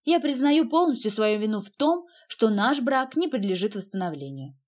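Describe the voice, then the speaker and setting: A woman reading the part of an icy, clipped rich husband from a spoken romance novel. The voice stays flat and measured, and it sits a little high because the narrator keeps her own voice. Every line is short and cold. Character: cold, curt wealthy husband, man.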